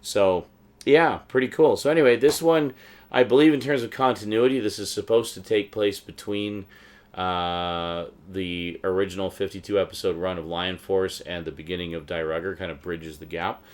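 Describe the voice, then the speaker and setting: Speaking at a normal speed in a low voice with fairly even intonation, this male vlogger and collector does unscripted show-and-tell of his DVD purchases. His talk is loose and rambling, full of fan excitement.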